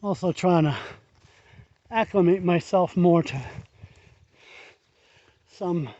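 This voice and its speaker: Breathless male hiker, chatty and rambling, soft warm tone, muffled mic. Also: high voice, slow. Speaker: hiking vlogger. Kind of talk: casual narration while hiking. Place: outdoors on a field trail.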